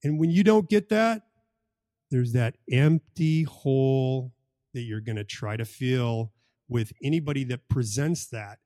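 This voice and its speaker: A man's voice: mid-range voice, a little slow, dark tone, dry recording, clean studio sound. A man co-hosting a podcast conversation, making his points emphatically and repeating key phrases for stress. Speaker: podcast co-host.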